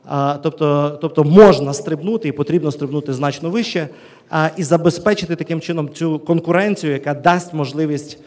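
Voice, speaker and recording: Fast-talking man in a reverberant hall. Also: a little high, a little mellow. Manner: hesitant, repeats words while searching. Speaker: speaker at a round table. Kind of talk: public speech.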